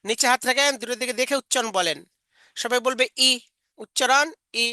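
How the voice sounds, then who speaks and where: Bright-voiced woman teaching step by step. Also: a little high, no echo. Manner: explains step by step, models drill sounds slowly. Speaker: Quran teacher trainer. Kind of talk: instructional lecture.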